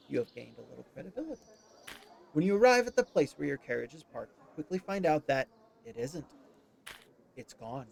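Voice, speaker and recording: A man streaming himself as he reads a story game aloud, expressive but with small slips. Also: medium pitch, gravelly. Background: game music.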